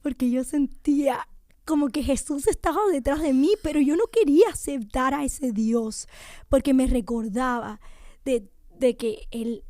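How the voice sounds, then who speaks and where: Hushed, intense woman giving a testimony. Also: high voice, a little slow, no echo, studio quality. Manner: intense, often dropping to a near whisper. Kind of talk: emotional personal testimony. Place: radio studio.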